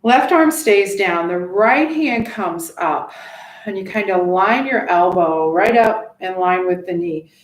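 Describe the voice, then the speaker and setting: A woman teaching tai chi, giving serene, unhurried step-by-step movement cues with pauses between them. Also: lowish voice, animated. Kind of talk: step-by-step movement instruction with short spoken cues. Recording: roomy echo, distant microphone.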